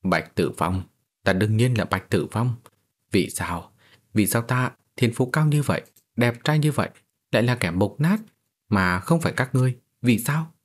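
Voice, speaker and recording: A man's voice: medium pitch, lively intonation, normal speed, lightly acted. A man reading a storybook voicing a rotting, vain undead young man who speaks in a dull, decayed groan. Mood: rotting wail.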